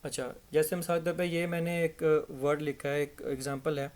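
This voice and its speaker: A young man gives a relaxed grammar lesson. His voice sits on the higher side for a man. He talks in a loose, conversational way and drags out example words so learners can hear each syllable. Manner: conversational, repeats words slowly for pronunciation. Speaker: English teacher.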